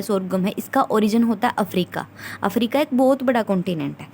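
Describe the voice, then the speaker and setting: A woman's voice: medium pitch, a little mellow, slight background noise. Woman tutor lecturing with rhetorical questions. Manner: explains with frequent rhetorical questions and "theek hai" check-ins. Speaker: agriculture exam tutor. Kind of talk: recorded lecture in Hindi mixed with English.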